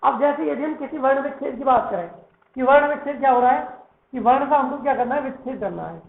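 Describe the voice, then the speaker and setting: A man's voice: very high voice, fast, gravelly. A male Sanskrit teacher giving a lesson, who keeps asking questions and answering them himself, and repeats words to drill their pronunciation. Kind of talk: classroom lesson. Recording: echoey room, tinny phone-like sound.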